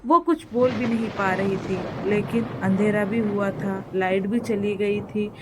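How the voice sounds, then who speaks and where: A woman's voice: medium pitch, measured pace, noisy background. A woman narrating a children's cartoon story in a simple storytelling manner.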